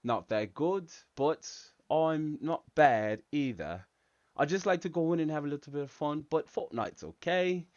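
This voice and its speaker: A man's voice: medium pitch, a little fast, clean tone, no echo, close to an everyday voice. American guy putting on a cheesy fake london accent, tossing around brit slang, kinda dull dry stream audio. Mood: playful. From United States. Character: American man faking a London English accent. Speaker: tech channel host. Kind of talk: livestream Q&A.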